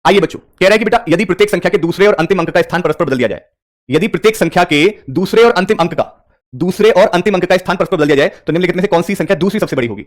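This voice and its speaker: A man's voice: sits high, very fast. A man teaching reasoning for bank exams in a live online class, speaking mixed with English terms and talking straight to his students.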